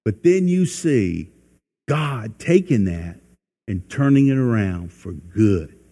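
Folksy preacher in an echoey hall. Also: male voice, lowish voice, very animated, takes it slowly, warm tone. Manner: folksy, asks the listeners questions, acts out quotes. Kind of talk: sermon.

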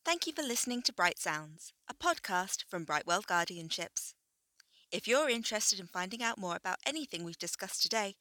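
A woman host reads the podcast's sign-off in a bright, crisp voice. The recording is dry and close. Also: medium pitch, dry recording. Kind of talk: scripted outro.

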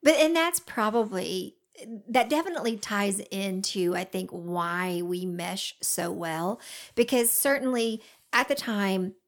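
A woman's voice: mid-range voice, a little slow. A woman with an American Southern accent chatting casually as a co-host, with wry, self-deprecating banter. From southern United States. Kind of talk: casual co-hosted chat.

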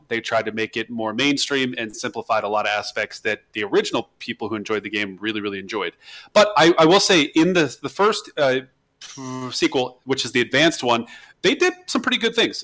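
A man co-hosting a podcast, chatting casually about video games, animated and ranting, often restarting his words. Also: mid-range voice. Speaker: podcast co-host.

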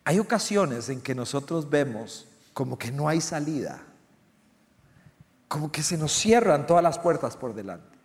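A middle-aged man preaching a sermon, emphatic, with loud stressed lines and soft low asides. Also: big pitch swings, a little slow. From Central America. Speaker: pastor. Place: church sanctuary. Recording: long church hall reverb.

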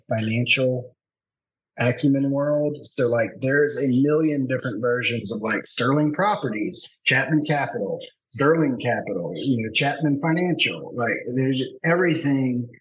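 In this casual interview chat, a man hosting a podcast talks with a guest, chatty and rambling, frequently starting his sentences over. He speaks at a moderate pace in a medium pitch, on a muffled recording with slight background noise.

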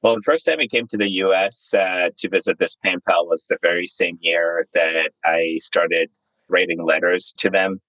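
A man's voice: low-pitched, normal speed, no room sound, low-quality recording. A man in his thirties from Zimbabwe, a startup founder telling his story candidly as an interview guest. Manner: candid, relaxed, storytelling with fillers.

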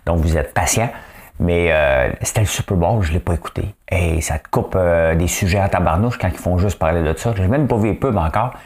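A man with a Quebec French accent hosts his own online commentary show alone, his voice low, fairly quick and darkish. He chats casually, tossing in joking asides and asking "hein?" often.

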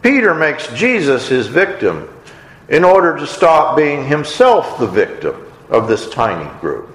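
A man's voice: mid-range voice, big pitch swings, measured pace, fairly bright tone. A man preaching a sermon, retelling a story and briefly acting out the characters' lines with expression. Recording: echoey hall.

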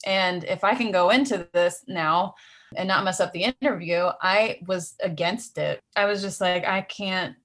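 A woman's voice: lowish voice, normal speed, fairly bright tone. A middle-aged woman talking as a guest in a casual conversation, earnest and laughing often.

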